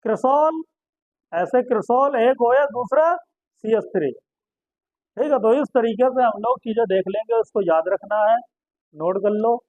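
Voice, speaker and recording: A man's voice: very high-pitched, animated, unhurried, dry recording, phone-quality sound. A man giving a chemistry lecture to students, asking questions and then answering them himself and repeating each term. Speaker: chemistry teacher. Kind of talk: classroom lecture.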